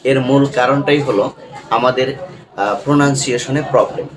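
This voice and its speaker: A man's voice: medium pitch, a crowd in the background, rough recording. A man with a Bangladeshi accent teaching an online lesson, explaining patiently with fillers and repeated checks. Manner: explains slowly with repeated fillers and tag questions.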